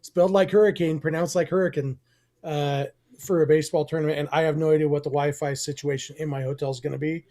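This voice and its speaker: A man's voice: a little high, flat delivery, quick pace, few pauses, warm tone. A man co-hosting a sports podcast, playful and fond of trivia. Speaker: podcast co-host. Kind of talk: casual chat.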